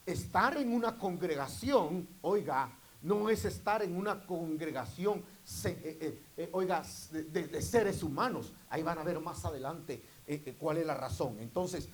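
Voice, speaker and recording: A man preaching a sermon to his congregation, repeatedly calling out to them and rising into loud, emphatic bursts. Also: on the high side, expressive, normal speed, poor audio.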